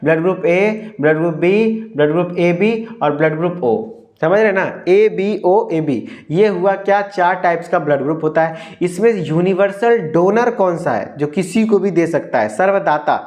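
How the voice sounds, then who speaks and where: A man's voice: sits high, moderate pace, a little mellow. Male tutor quizzing himself aloud. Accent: Hindi. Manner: asks questions and answers them himself, repeating key terms. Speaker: pharmacy exam tutor. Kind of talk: exam-prep lecture.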